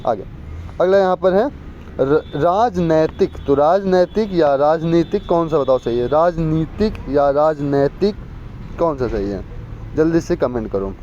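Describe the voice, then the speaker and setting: A man's voice: on the high side, dark tone. Quizzing male exam-prep teacher. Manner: repetitive, quizzing viewers with quick questions. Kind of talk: Hindi spelling lesson. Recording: muffled lo-fi with faint street noise.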